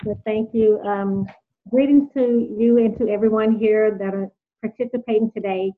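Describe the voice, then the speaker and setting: A woman calling in to a live talk, speaking in a soft, unhurried, devotional way. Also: medium pitch, fairly even intonation. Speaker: caller. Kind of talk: casual call-in sharing. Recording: phone line.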